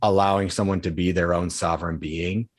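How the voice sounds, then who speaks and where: A man's voice: sits low, fairly even intonation, fairly quick, no echo. A man hosting a podcast, talking in an earnest, reflective way with loose phrasing. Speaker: podcast host. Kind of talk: casual conversation.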